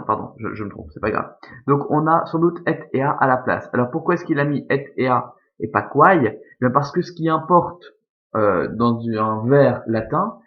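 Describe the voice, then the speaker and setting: A man teaches Latin grammar at an even, middle pitch, walking through each point slowly and often stopping to correct himself. His speech is full of hesitations and fillers. The recording sounds a little muffled and lo-fi. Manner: explains step by step with many fillers and self-corrections. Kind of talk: recorded classroom lesson.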